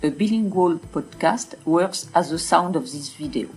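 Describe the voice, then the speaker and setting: Woman, French accent, unhurried scripted lesson, faint music behind. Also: lowish voice, animated, darkish tone. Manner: slow, deliberate and outspoken. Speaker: podcaster teaching French. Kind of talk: scripted bilingual narration.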